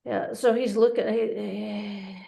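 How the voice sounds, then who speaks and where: A woman working as a medium, relaying a spirit's messages in a halting way, often repeating words. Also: mid-range voice, steady tone, creaky, mellow. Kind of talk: mediumship reading.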